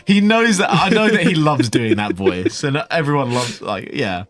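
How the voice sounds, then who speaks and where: A man co-hosting a casual chat, trading quick, laughing banter. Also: on the high side, expressive, a bit bright. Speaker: podcast co-host.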